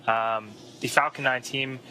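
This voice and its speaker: A man's voice: medium pitch, steady tone, a little slow, bright, forceful tone, poor audio. A man giving live commentary as a webcast commentator. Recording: faint background noise.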